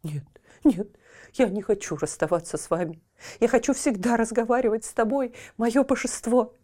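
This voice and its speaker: A woman's voice: fairly high pitch, normal speed, warm tone, pitched above the performer's own voice, natural voice. Woman playing an eager, gushing dog. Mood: adoring. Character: devoted, excitable male dog.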